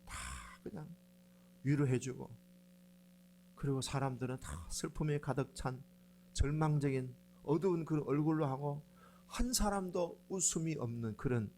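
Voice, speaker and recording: A man's voice: on the high side, moderate pace, a little hiss or hum. A middle-aged man preaching a sermon as pastor, telling stories and acting out quoted lines. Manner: animated storytelling, acts out quoted lines with dialect.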